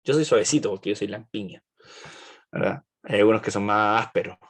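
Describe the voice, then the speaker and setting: A man's voice: on the low side, brisk, slightly rough. A man leading an online Bible study, asking the group questions and checking in with "right?".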